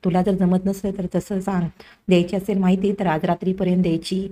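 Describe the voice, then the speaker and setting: A woman's voice: on the low side, little pitch movement, brisk, warm tone, close to an everyday voice. A woman reading the lines of a scheming male villain in a threatening, bossy manner during a serial recap.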